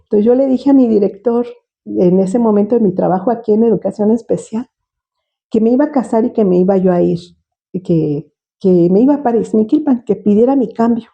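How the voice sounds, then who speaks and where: An older woman with a Mexican accent, a retired special education teacher telling her life story in an interview, reminiscing warmly with frequent laughter. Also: mid-range voice, brisk, vocal fry, muffled recording. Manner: warm reminiscing, laughs often.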